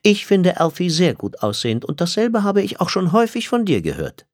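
Male narrator as a gentle old lady, delighted, raised pitch, lively. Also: a little fast, no room sound, clean studio sound, heavily acted. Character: warm, kindly elderly woman.

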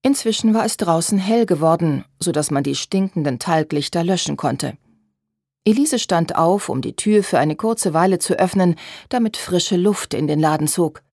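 A woman narrating a storybook in an even, measured reading style. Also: fairly low pitch, no room sound, studio quality. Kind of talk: audiobook narration.

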